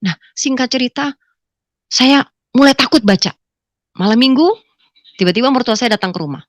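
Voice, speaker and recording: Middle-aged woman, testimony speaker, animated storyteller, higher voice, dry close mic. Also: moderate pace, no echo. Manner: animated storytelling, acts out her own exclamations loudly. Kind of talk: personal conversion testimony to a congregation.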